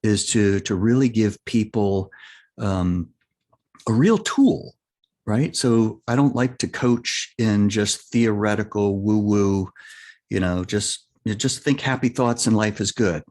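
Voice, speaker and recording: A man's voice: on the low side, slow pace, darkish tone. A man speaking as an interview guest, a life and business coach, explaining his ideas earnestly and often checking in with "right?". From United States.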